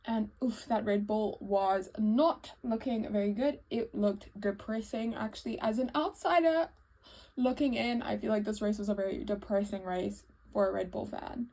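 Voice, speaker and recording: Husky, creaky-voiced woman chatting casually. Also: medium pitch, normal speed, mellow, rough recording. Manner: conversational, opinionated fan commentary. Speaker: vlogger giving race recap. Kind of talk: casual get-ready-with-me chat.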